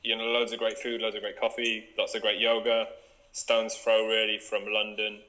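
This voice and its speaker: Young guy, yoga teacher, really bright punchy voice, chatty and laughing a lot. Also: on the low side, completely flat delivery, normal speed, rough recording. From Wales. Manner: upbeat, chatty, laughs often, many fillers. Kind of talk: casual interview chat.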